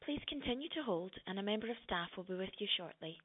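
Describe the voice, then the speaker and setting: A woman reading a recorded phone menu announcement in a calm, measured, formal way. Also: medium pitch, over loud music. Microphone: phone line playback. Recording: tinny phone line.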